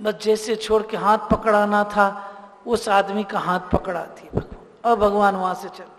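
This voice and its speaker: A man with a high voice telling a devotional scripture story, slow and animated. The sound carries a long hall echo with faint music in the background. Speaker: preacher.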